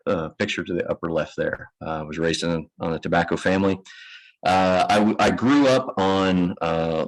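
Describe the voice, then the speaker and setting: Deep-voiced Kentucky man presenting. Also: poor audio. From Kentucky, United States. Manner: self-deprecating, relaxed. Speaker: guest presenter. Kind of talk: conference presentation. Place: lecture room with live audience.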